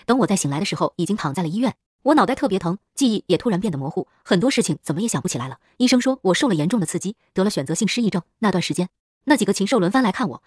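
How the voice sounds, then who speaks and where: Fast, husky woman storyteller. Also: mid-range voice, darkish tone, dry recording, studio quality. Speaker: narrator. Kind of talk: fast scripted story narration.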